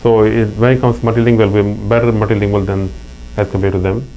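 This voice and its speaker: A fast-talking middle-aged man from Pakistan, voice on the low side and warm in tone, delivers his lines flatly. He is the guest in a casual interview, speaking with a Pakistani accent and recounting anecdotes earnestly with many restarts. The recording is low quality with a faint mains hum.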